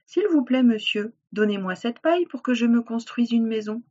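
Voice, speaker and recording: Storybook role: woman voicing a polite, clever little pig, high and eager, slightly husky, muffled recording. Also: lively intonation, normal speed, darkish tone. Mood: pleading.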